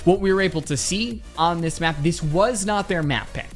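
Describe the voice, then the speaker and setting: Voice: medium pitch, normal speed. Esports desk host talking over music. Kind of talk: conversational match analysis.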